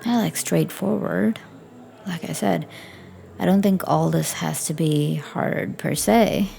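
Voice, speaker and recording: A woman with a lowish voice and vocal fry takes it slowly while acting as a teasing, flirtatious bartender in a scripted audio roleplay. She keeps things soft, frequently close to a whisper.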